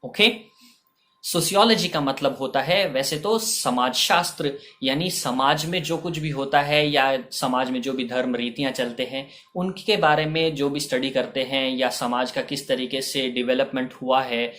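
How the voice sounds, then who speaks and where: A man with an Indian accent teaching vocabulary, slowly drawing out each word and repeating it, with "ok" between points. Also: medium pitch, fairly bright tone. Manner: slow, drawn-out spelling of each word. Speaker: language teacher. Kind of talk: bilingual vocabulary lesson.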